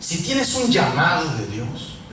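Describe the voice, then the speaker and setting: A man from Mexico, preaching a sermon full of personal testimony and swinging from loud calls to quiet asides. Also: fairly high pitch, wildly swooping pitch, slow pace. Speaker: pastor. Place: large echoey church hall. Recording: echoey church hall, mic far off, faint noise.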